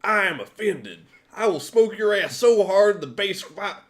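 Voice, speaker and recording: A man voicing a loud, abusive male drill sergeant in a game playthrough, barking insults. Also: sits high, expressive, unhurried, pitched above the performer's own voice. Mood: outraged.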